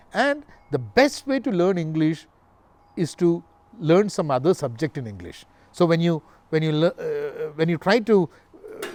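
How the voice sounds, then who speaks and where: Animated man with a South Indian accent. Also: on the high side, no room sound. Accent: South Indian Malayali. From Calicut, Kerala, South India. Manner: conversational, explanatory, rephrases as he goes. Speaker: language coach giving tips. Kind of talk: informal advice talk to camera. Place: backyard patio, outdoors. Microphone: lapel mic.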